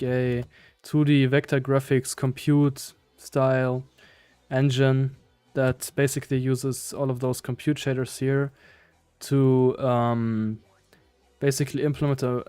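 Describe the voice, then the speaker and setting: A man's voice: mid-range voice, a little mellow, clean tone, no room sound. A man with a German accent doing casual live coding commentary, hesitantly thinking aloud in fragments. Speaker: live-streaming programmer.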